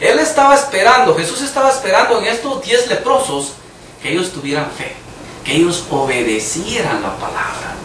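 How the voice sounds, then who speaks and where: A man's voice: high-pitched, lively intonation, moderate pace, a bit bright, slight background noise. A man preaching an emphatic sermon in a church hall, now and then raising his voice for quoted cries. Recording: echoey room, mic far off.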